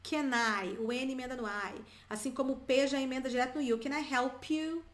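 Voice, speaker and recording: High-voiced Brazilian woman teaching English. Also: steady tone, echoey room. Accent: Brazilian Portuguese. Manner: chatty, repeats words slowly for learners. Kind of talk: bilingual English lesson, addressing viewers.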